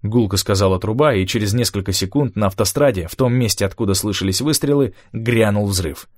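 A man narrating an audiobook in a steady, measured first-person storytelling manner. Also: lowish voice, no echo, clean studio sound.

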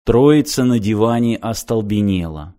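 A man reading a novel aloud in an even, measured storytelling voice. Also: lowish voice. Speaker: narrator. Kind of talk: audiobook narration.

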